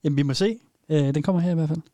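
A man's voice: on the high side, racing. A man from Denmark co-hosting a podcast, asking hesitant, stammering questions. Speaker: podcast co-host. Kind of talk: casual chat.

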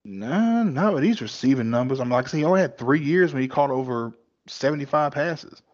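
A man's voice: mid-range voice, lively intonation, fairly quick. Man, podcast co-host, casual blunt banter, slightly dull lo-fi sound. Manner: blunt, swears freely, laid-back banter. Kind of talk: casual chat.

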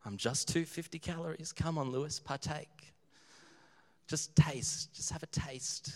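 A man voicing a sly talking cupcake that coaxes in a hushed, whispery voice. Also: fairly high pitch, a little slow. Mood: coaxing. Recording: long hall reverb, faint music.

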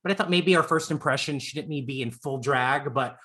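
This man, about forty, hosts a casual celebrity interview with an effusive, campy, jokey flair. Born on Long Island and raised in Florida, he sounds like he's from the American South. His voice sits mid-range, with a sharp tone and a fairly quick pace.

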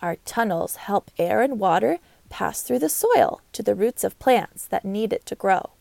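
A woman voicing a strong, busy female worker ant in a storybook, brisk and matter-of-fact. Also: medium pitch, expressive, gravelly, dark tone, no echo. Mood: proud.

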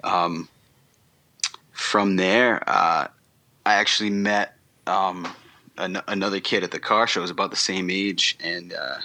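Low, bright-voiced man chatting easily. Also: measured pace, long pauses. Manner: relaxed, rambling, many ums and restarts. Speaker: podcast guest. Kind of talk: casual interview chat.

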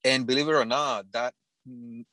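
A middle-aged man from the Dominican Republic, a panel guest speaking earnestly and haltingly in casual conversation. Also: mid-range voice, fairly even intonation, pushed and bright, no room sound. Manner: earnest, halting, with frequent restarts.

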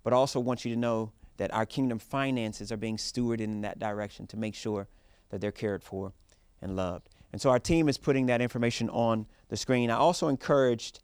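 A man's voice: mid-range voice, clear, resonant tone, no echo. A man speaking as a pastor, addressing his church in an earnest, informal and encouraging way. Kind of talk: church address, prayer and announcements.

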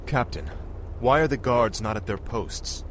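An actor playing a proud, vengeful young warrior prince in a fantasy video game, commanding and intense. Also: male voice, medium pitch, a little slow, a little hiss or hum, close to an everyday voice. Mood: stern. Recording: music behind the voice.

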